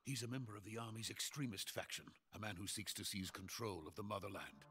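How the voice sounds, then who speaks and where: An actor playing an anxious middle-aged Soviet scientist in a video game cutscene, speaking in a formal, deliberate, earnest way. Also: male voice, on the low side, lightly acted. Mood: grave, urgent.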